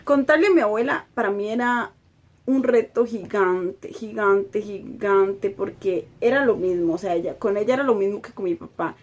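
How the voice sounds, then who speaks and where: A woman's voice: mid-range voice, moderate pace, darkish tone, highs cut off. A young woman, telling a personal storytime with emotion, often repeating herself. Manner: emotional, repetitive retelling. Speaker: vlogger.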